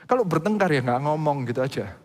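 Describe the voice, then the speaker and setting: Man preaching in an echoing church hall. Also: fast. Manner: animated storytelling, pitch jumping up when excited. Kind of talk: sermon testimony. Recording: long reverb of a church hall.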